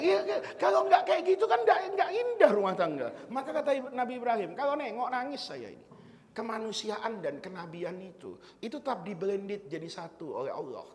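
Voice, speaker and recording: A man's voice: high voice, big-room sound, a little hiss or hum. A male preacher giving a sermon, telling stories playfully and quizzing his audience. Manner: lively storytelling, quizzes audience, playful asides.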